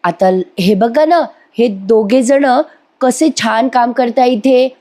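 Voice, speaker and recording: A woman voicing a scheming young woman who talks in a shrill, put-on sweet way. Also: slow, warm tone. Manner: shrill, pretending.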